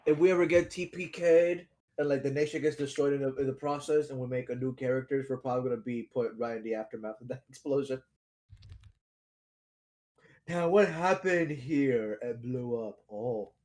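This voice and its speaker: A man's voice: medium pitch, moderate pace, a little mellow. A man chatting casually with friends during an online tabletop game, joking, swearing and giggling often.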